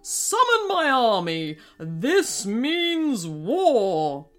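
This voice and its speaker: Hot-tempered bread king, played by a woman narrator, bellowing and sneering in a storybook tale, soft music behind. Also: high voice, wildly swooping pitch, takes it slowly, voice pushed up, heavily acted. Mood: enraged. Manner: bellowing, spitting insults.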